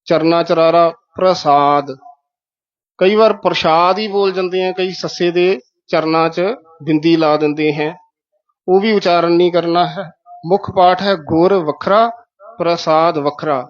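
A man teaching the correct recitation of scripture, slowly repeating words syllable by syllable. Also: a little high, steady tone, lo-fi sound. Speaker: Gurbani pronunciation teacher.

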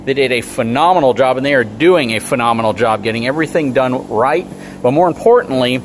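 Over the noise of a large RV service shop, a channel host with a medium-pitched, brisk voice walks viewers through a trailer project. It's a casual, upbeat vlog explanation.

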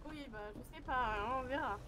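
A woman's voice: high-pitched, fairly quick, a bit bright. A woman role-playing with another player in a driving game, bickering and defensive. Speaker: fellow role-play player. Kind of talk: in-character role-play chat in a driving game.

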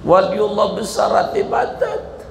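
A man with a Betawi Jakarta accent preaching a sermon in a colloquial, humorous way, swinging from loud outbursts to hushed asides. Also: sits high, big pitch swings, measured pace, gravelly, a little hiss or hum. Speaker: Islamic preacher. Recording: echoey hall recording from a distance.

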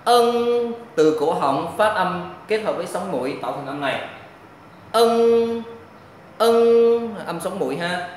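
A man teaching pronunciation, patiently drilling syllables and repeating each one loudly. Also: fairly high pitch, a little fast, hardly any pauses. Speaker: language teacher. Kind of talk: pronunciation lesson. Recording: very echoey room, faint background noise.

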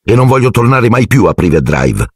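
A man's voice: lowish voice, very animated, a little fast, breathy edge, no room sound, studio quality, voice pushed up. A man voicing an indignant teenage boy wizard who speaks bluntly and defiantly.

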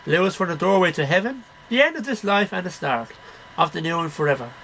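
High-pitched and expressive, a middle-aged amateur poetry reader declaims verse in a sing-song way, one line after another, at a quick pace. His voice is creaky with a fairly bright tone. A little hiss or hum comes through the webcam, which sits about arm's length away in his small, cluttered bedroom.

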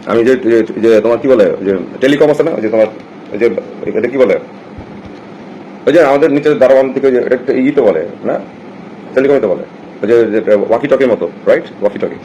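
A man's voice: mid-range voice, fairly quick, warm tone, a little hiss or hum, low-quality recording. Rambling Bangladeshi man telling stories. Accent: Bangladeshi Bengali. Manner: rambling and anecdotal, restarts often, slips into English. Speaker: live stream host telling personal stories. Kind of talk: casual storytelling chat.

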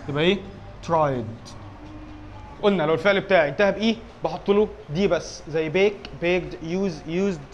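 A man with an Egyptian Arabic accent teaching an exam review lesson, asking questions and answering them himself and often checking that his students follow. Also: high-pitched. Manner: quizzes himself aloud, keeps checking with "alright?". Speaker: English teacher.

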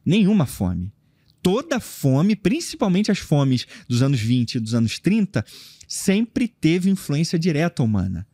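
Podcast guest, thirties man, high voice, dry close sound, emphatic explainer. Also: big pitch swings, unhurried, mellow, no echo. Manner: emphatic, explains with broad hand gestures. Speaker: history guest. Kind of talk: casual podcast conversation. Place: studio room with bookshelves. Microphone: podcast mic on boom arm.

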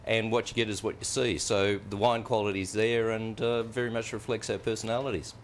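A man's voice: fairly low pitch, level tone, fairly quick, slight background noise. A man with an Australian accent, a guest winemaker talking in an easygoing, joking way in a studio interview. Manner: easygoing, laid-back, jokey.

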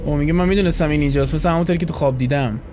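A man's voice: on the high side, noisy background. A man streaming, giving casual, joking reaction commentary on game footage, playful and crude. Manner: joking, playful, swears freely. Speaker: gaming streamer.

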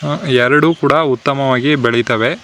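Outdoors on a plantation, a man from Karnataka with a mid-range, fairly bright voice hosts a farming channel at an unhurried pace over slight background noise. His casual, unscripted how-to talk on plantation tips is loose, with many fillers and restarts.

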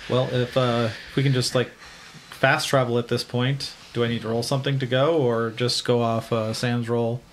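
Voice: medium pitch, flat delivery, moderate pace, a little hiss or hum. A player talking casually in a tabletop role-playing game.

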